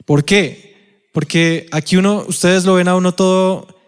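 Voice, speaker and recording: Colombian male pastor, higher-pitched, animated sermon storytelling, long church reverb. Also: a little slow, clean tone. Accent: Colombian Spanish. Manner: animated storytelling, acting out quotes, asks the congregation questions. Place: church auditorium.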